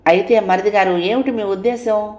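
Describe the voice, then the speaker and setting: A woman voicing a bold, talkative young wife who scolds and teases in a quick, playfully bossy way. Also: medium pitch, darkish tone, lightly acted. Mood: scolding. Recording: roomy echo.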